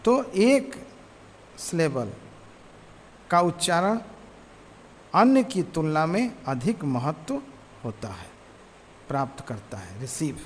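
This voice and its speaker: A man teaching a lesson, reading English lines slowly word by word and explaining each one. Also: fairly high pitch, sing-song. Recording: roomy reverb with faint noise.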